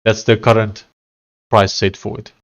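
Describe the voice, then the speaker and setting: A live-streaming programmer from South Africa speaks in a fairly low, level, unhurried voice with a thick Afrikaans accent, and the sound is lo-fi. He casually talks to viewers while coding, musing aloud with frequent fillers and restarts.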